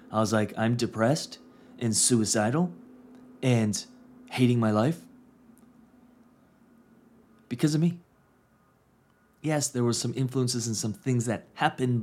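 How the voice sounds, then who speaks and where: A man in his thirties with a medium-pitched, darkish voice hosts a coaching podcast, with a little hiss or hum on the recording. As a business coach he reflects casually and earnestly, repeating key phrases for emphasis.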